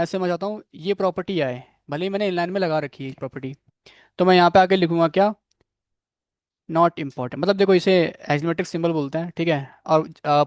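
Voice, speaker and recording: Guy teaching html and css, highish voice, keeps checking in with students. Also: no room sound, clean studio sound. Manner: asks students questions, repeats "ठीक है" often; admits struggling with a technical word. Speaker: programming instructor. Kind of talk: live coding lecture.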